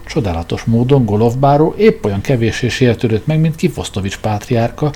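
A man narrating a humorous novel in a measured, expressive storytelling manner. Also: mid-range voice, faint music behind. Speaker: audiobook narrator.

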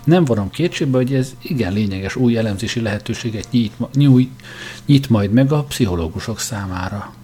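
A man's voice: mid-range voice, lively intonation, warm tone, lightly acted. A man voicing a nervous male politician who answers with forced, placating cordiality. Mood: eager. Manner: eager, placating.

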